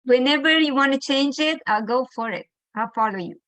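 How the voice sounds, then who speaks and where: A woman's voice: high voice, animated, fairly quick, a bit bright, dry recording. Bubbly woman with a raised voice. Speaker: participant on a group call. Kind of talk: casual chat.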